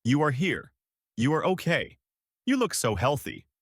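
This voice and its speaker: A man's voice: fairly high pitch, sing-song, measured pace, slightly rough, no room sound, voice pushed up, full character voice. A man voicing a humble, modest janitor who speaks in a plain, understated way in a dry recording. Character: humble middle-aged male janitor, modest and quiet.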